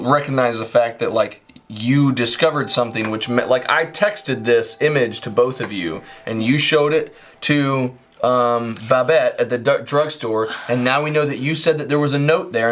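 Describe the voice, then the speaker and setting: Guy playing a co-op board game, reads the story cards out, stumbles and laughs a lot, faint music behind. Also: mid-range voice. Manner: animated, stammers and laughs while reading. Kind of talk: casual tabletop play, reading story cards aloud.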